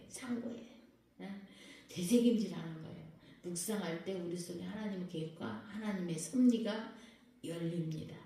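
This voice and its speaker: A woman's voice: medium pitch, warm tone. A woman pastor preaching a sermon who keeps questioning her congregation and waiting for their reply. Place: prayer house worship hall. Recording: very echoey hall, voice far from the mic.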